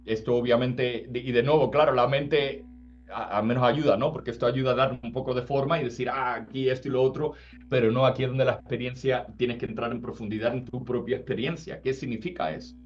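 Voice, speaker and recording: A man's voice: medium pitch, fairly even intonation, a little fast. Casual man giving spiritual talk. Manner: casual, asks "does it make sense?" often. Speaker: spiritual teacher. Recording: slightly dull sound, faint music.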